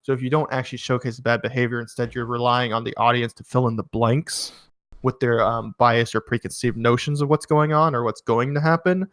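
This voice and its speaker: A young man co-hosts a casual podcast and lays out his points in a measured, analytical way, pausing on fillers as he thinks. His voice sits at an ordinary pitch for a man. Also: fairly even intonation, a bit bright. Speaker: podcast co-host.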